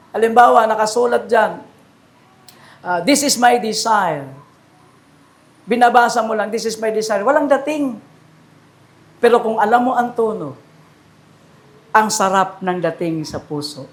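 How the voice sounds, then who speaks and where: A woman with a Filipino accent preaching a sermon, switching between Tagalog and English and rising to emphatic calls. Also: a little high.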